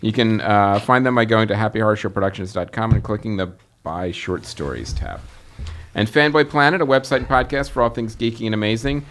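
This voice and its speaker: A man's voice: on the low side, animated, a little fast, a bit bright, a little hiss or hum. A man hosting a film podcast, casually reading out listener promos with small fillers and chuckles. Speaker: podcast host.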